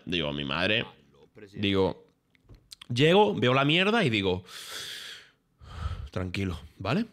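Man, young adult, streamer, animated storytelling, fairly low voice. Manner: animated storytelling with lots of slang and swearing. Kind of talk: casual chat.

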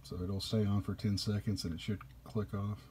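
A man casually reviewing a collectible statue at a table indoors, easygoing, with frequent pauses. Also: lowish voice, little pitch movement, mellow, a little hiss or hum.

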